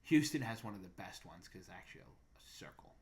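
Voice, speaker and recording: Whispering in a low voice with lively intonation and a fairly quick pace, a young man from Massachusetts co-hosts a podcast. He chats casually, thinking out loud and using plenty of fillers.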